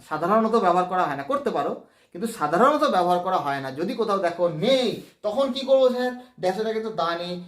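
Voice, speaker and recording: A man with a fairly high voice gives an English grammar lesson to students on video. He explains patiently, step by step, and keeps asking whether they have followed. The sound rings around a room with a noticeable echo. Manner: explanatory, repeatedly checks understanding with rhetorical questions.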